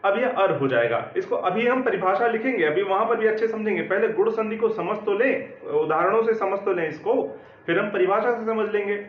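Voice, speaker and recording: A man's voice: high-pitched, a little fast, reverberant, narrow, tinny audio. A man teaching grammar, explaining step by step and often checking that students follow. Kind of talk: classroom lecture.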